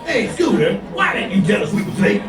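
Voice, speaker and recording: A man's voice: high-pitched, very animated, fairly quick. A man voicing a laid-back hippie puppet rock bandleader who talks in hip, jazzy slang for a theme park show. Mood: groovy, upbeat. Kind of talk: theme park attraction character performance. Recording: echoey, distant, under loud music.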